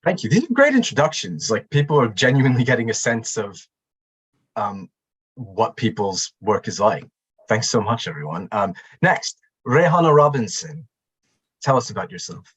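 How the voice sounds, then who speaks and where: A man hosting a literary panel, relaxed and encouraging, with frequent fillers. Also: mid-range voice, moderate pace, slightly rough, rough recording. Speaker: panel host.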